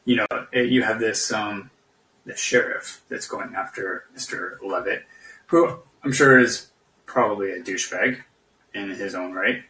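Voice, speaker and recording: A podcast guest caller argues politics casually in a halting, skeptical way. His lowish voice is bright and forceful, recorded in an echoey room somewhat far from the mic.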